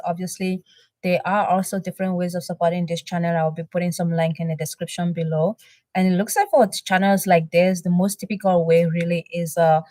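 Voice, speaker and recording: This reaction channel host, a low-voiced woman from Benin and native French speaker, chats live with her stream viewers. She's talkative and warmly grateful, reading the chat aloud amid many fillers. The audio is studio quality with no room sound.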